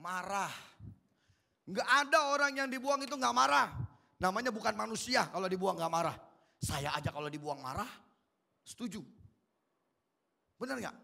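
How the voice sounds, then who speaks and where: A man's voice: high-pitched, animated, moderate pace, creaky, long pauses, sharp tone. A male pastor giving an interactive sermon in a colloquial way, quizzing the congregation with repeated questions.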